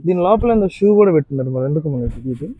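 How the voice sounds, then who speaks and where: A man's voice: a little high, very animated, rapid-fire, phone-quality sound. A man vlogging casually at an outdoor animal park, chatting playfully to the animals. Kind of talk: casual vlog narration.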